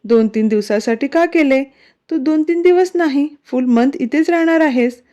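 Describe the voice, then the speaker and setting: A teasing, protective young husband reassures his wife, as a woman narrator voices him. The tone is mellow and a little high for a man. The recording sounds dull and lo-fi. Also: normal speed, close to an everyday voice.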